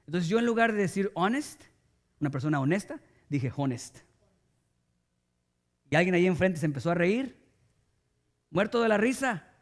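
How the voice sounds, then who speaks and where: High-voiced male preacher, emphatic. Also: expressive, a little fast. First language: Spanish. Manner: emphatic preaching, addresses the congregation directly. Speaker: pastor. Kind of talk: sermon.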